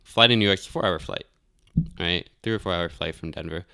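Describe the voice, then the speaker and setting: Young male podcast host, foul-mouthed animated storyteller, bright, smooth tone, slightly low. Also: fairly quick, no room sound, studio quality. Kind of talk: casual podcast chat.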